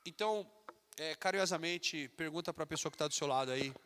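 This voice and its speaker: A man with a São Paulo Brazilian accent preaching a sermon to a church, animated and emphatic, slipping into mocking voices. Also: on the high side, brisk, clean tone. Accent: Brazilian Portuguese, São Paulo. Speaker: pastor. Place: church hall. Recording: long church hall reverb.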